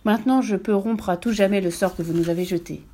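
A sad ghost princess tells her tale in a soft, sorrowful voice, as a woman reading a storybook puts her on. It sits a little above the reader's own pitch and stays mellow. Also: fast, lightly acted. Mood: hopeful.

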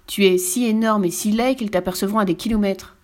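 A woman's voice: medium pitch, steady tone, brisk, darkish tone, lightly acted. A woman voicing a smaller male crocodile who scolds his greedy companion. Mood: scolding. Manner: scolding, scornful.

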